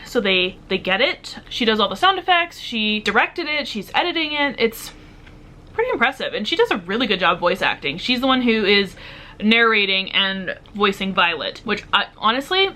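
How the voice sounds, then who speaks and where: A woman's voice: mid-range voice, sharp tone. A woman in her twenties chatting casually in a home book vlog, rambling and self-deprecating. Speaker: book vlogger. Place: home room indoors.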